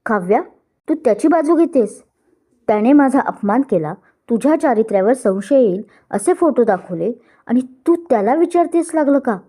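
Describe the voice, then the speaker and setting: A woman's voice: medium pitch, normal speed, warm tone, natural voice. Jealous angry husband, read by a woman. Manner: angry, accusing, raised voice. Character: young husband, jealous and hot-tempered.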